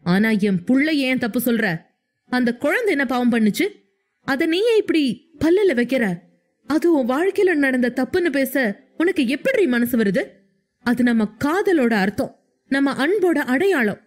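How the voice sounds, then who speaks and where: A woman's voice: a little high, normal speed, close to an everyday voice. A woman voicing an angry, hurt young husband who argues in heated, insistent questions. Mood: angry pleading.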